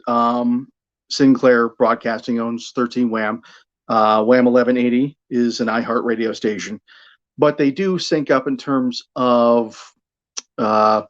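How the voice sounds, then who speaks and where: Heard in lo-fi sound, a man with a mid-range voice chats as an interview guest. He's a middle-aged American radio sports broadcaster from Buffalo, New York, describing his broadcasting work casually and tending to repeat words as he thinks.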